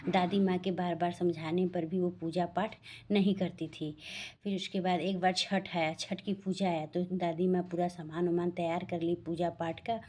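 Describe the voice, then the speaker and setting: A woman's voice: lowish voice, flat delivery, moderate pace, darkish tone. A woman telling a devotional folk tale in a plain, homely way, restarting sentences as she goes. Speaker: storyteller.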